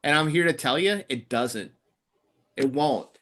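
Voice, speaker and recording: A man's voice: fairly high pitch, animated, a little slow, a bit bright. A fifty-year-old man, a podcast guest, talking in an easygoing, blunt way in casual chat. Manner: easygoing, plain-spoken, gives blunt advice.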